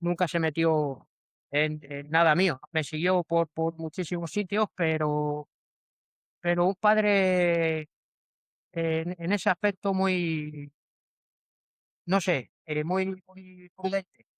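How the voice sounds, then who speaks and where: A man's voice: fairly high pitch, steady tone, slow, clear, resonant tone, dry recording. A Spanish man in his forties, a guest in a casual interview, answering in a hesitant way with many restarts and fillers. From Spain. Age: 40s. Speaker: bullfighter guest.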